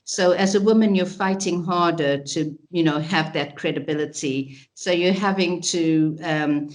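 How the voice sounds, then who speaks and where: Low-voiced woman from South Africa. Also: unhurried. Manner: reflective, hesitant, many restarts. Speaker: interviewee, researcher. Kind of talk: recorded interview.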